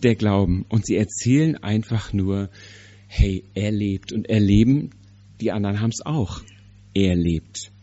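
A man preaching a sermon, telling personal stories with lively emphasis and sudden quiet drops. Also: on the low side, husky. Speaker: pastor. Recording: slightly dull, lo-fi.

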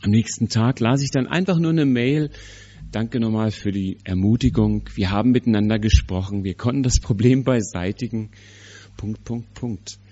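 Middle-aged guy giving a sermon, husky dark voice, kinda dull lo-fi sound. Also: lowish voice, moderate pace. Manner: storytelling, varied emphasis, quiet drops. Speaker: pastor. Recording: slightly dull, lo-fi.

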